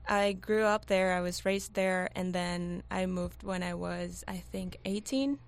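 A woman's voice: lowish voice, steady tone, unhurried. Young woman. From Venezuela. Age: 20s. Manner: brief, easygoing replies. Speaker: student radio guest. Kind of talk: casual interview answers.

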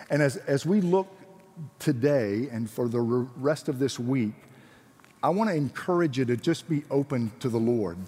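A man's voice: mid-range voice, darkish tone. A man with a Georgia Southern accent preaching to students as a guest missionary speaker, earnest, encouraging and plain-spoken. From Georgia, United States. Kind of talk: sermon to students with scripture readings. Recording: echoey hall with long reverb.

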